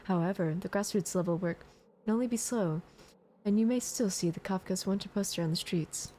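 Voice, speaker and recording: A woman's voice: medium pitch, normal speed, warm tone, a little hiss or hum. A woman streaming a game, reading its text aloud expressively and adding casual commentary. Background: music.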